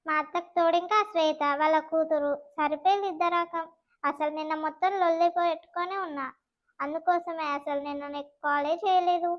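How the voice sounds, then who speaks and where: A woman's voice: very high voice, steady tone, brisk, dull audio. A woman voicing a sulky young married daughter with a Telangana accent, complaining about her in-laws. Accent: Telangana Telugu.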